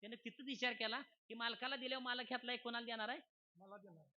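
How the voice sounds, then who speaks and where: A man's voice: very high voice, fairly even intonation, fast talker. A man, giving a humorous devotional sermon in a folksy style, often checking that the crowd is following. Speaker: kirtan preacher. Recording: dull lo-fi recording.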